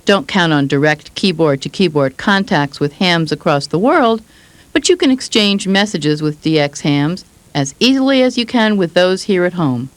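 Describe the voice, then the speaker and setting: A woman reading scripted instructional narration with an even, informative delivery. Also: lowish voice, normal speed, no echo.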